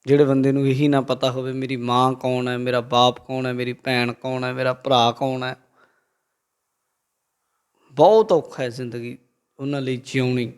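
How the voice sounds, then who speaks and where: A Sikh preacher with a Punjabi accent gives a lively religious talk, quoting the Guru and telling a story to the congregation. His mid-range voice has a clean tone, at normal speed with frequent pauses.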